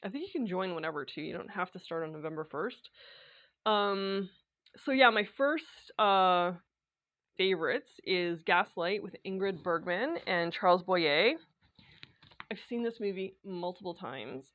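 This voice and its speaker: This sewing and knitting vlogger rambles through a casual chat packed with fillers and quick laughs. Her voice is on the low side, expressive and fairly bright, though a bit worn from dry air.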